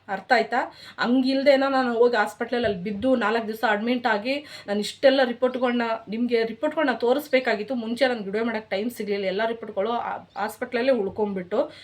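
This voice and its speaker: A young woman with a Kannada accent talks straight to camera in an indignant, scolding rant. Her voice sits a little high, and she hammers her points with emphatic repetition. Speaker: vlogger. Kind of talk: emotional direct-to-camera rant.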